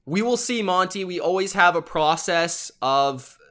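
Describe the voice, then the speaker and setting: High, bright-voiced man hosting a game stream. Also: a little slow. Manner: excitable, chatty, greets viewers by name. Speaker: live stream host. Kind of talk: live play-by-play reaction stream.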